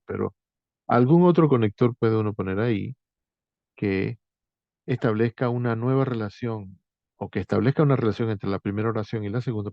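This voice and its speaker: A man teacher walking students through a writing exercise, thinking aloud with frequent pauses and restarts. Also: medium pitch, creaky, dry recording, muffled recording.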